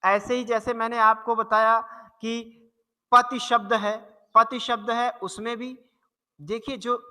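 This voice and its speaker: A man's voice: extremely high pitch, flat delivery, a little slow, pushed and bright, clear, resonant tone, long reverb tail. A male Hindi teacher with a north Indian accent, explaining a grammar lesson and carefully repeating example words to model their pronunciation. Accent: Hindi-speaking north Indian.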